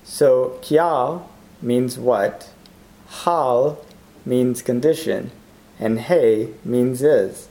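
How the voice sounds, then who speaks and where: Guy hosting a language lesson, relaxed warm voice, explains stuff step by step. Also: mid-range voice, extremely slow, low-quality recording. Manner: explanatory, enunciates example words syllable by syllable. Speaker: language teacher, lesson host. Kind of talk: scripted Hindi lesson narration.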